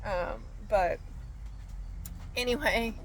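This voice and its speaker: A woman's voice: medium pitch, extremely slow, a bit bright, poor audio. A congested woman, under the weather, chatting casually and getting sidetracked as she shows her chickens outdoors. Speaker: homesteading vlogger. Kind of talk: casual chat to camera. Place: backyard by chicken coops, outdoors. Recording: outdoor noise with clucking chickens and roosters. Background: chickens and roosters.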